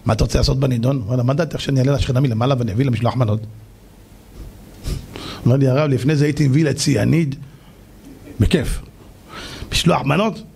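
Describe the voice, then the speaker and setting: A man, a rabbi, giving a sermon as a story and acting out the people in it with animated delivery. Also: mid-range voice, vocal fry, long pauses, a little hiss or hum. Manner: animated, acts out the people in his stories.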